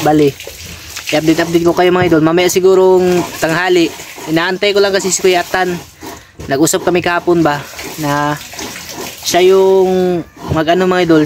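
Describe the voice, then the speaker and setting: Chatty man vlogging outdoors, noisy background. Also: a little high. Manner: chatty, keeps calling viewers idol. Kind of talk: casual vlog walkthrough. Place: outdoors beside a boat being built. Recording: outdoor recording with clear background noise.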